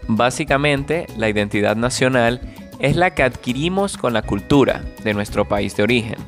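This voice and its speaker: A man giving measured scripted narration. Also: medium pitch, animated, fairly bright tone, faint music behind. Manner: measured explanatory.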